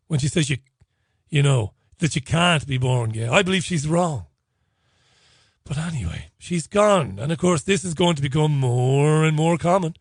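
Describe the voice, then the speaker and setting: A man's voice: on the high side, fairly bright tone, dry recording, clean studio sound. A man hosting a talk radio show, delivering a sardonic monologue with frequent laughter and mock phone-call banter.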